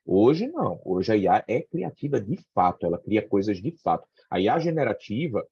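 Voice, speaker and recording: A man's voice: on the low side, big pitch swings, normal speed, slightly rough, dry recording. Lo-fi middle-aged Brazilian man, panel talk. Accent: Brazilian Portuguese. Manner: conversational, many fillers and tag questions.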